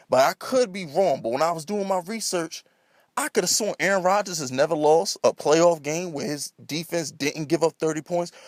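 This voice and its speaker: A man with a high-pitched voice goes off on a freestyle sports rant, recorded close and dry. He is emphatic and comically exasperated, building up his points with repetition, rhetorical questions and plenty of cursing. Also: dry recording. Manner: ranting, escalating, comedic exasperation; heavy swearing. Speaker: sports commentator.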